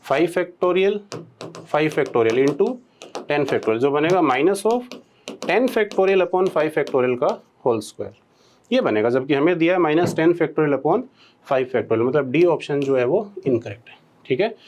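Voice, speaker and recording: A man with an Indian accent teaching maths from a board, often checking in with rhetorical questions and slowing down to dictate formulas. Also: on the high side, animated, a little mellow. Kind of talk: blackboard lecture.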